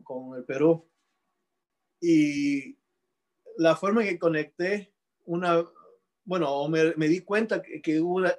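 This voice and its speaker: Higher-voiced man from Peru telling his story. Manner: mixes in English words, many restarts. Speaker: painter and interviewee. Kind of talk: reflective personal storytelling.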